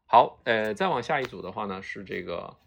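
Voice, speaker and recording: Fast-talking, gravelly male language teacher. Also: on the low side, lively intonation, a little hiss or hum. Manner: explains patiently, tags phrases with "啊" and "对吧". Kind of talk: vocabulary lecture.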